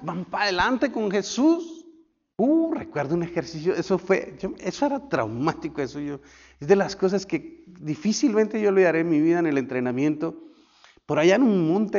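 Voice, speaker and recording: Impassioned pastor preaching in a church. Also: male voice, mid-range voice, big-room sound, dull audio. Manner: impassioned preaching, swings from loud shouts to hushed lines. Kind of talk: sermon.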